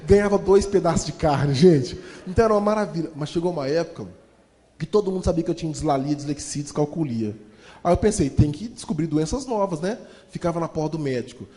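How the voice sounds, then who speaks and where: Brief: high-pitched man, animated comic storyteller in a reverberant hall. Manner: animated, fast-talking. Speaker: motivational storyteller. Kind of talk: humorous storytelling talk.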